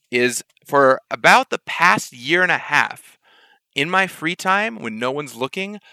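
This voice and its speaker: A man with a buttery smooth voice, talking playfully and enthusiastically as a podcast guest. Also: mid-range voice, bright, forceful tone, no room sound, low-quality recording. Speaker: podcast guest, game designer. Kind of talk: casual interview storytelling.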